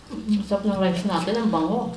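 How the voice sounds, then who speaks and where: A woman's voice: mid-range voice, moderate pace, heavy background noise. A woman from the Philippines co-hosting a mukbang, chatting and laughing in a casual, polite way while talking with her mouth full. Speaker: mukbang co-host. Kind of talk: casual mealtime chat. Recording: echoey room, mic at a distance. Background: cutlery and dish clatter.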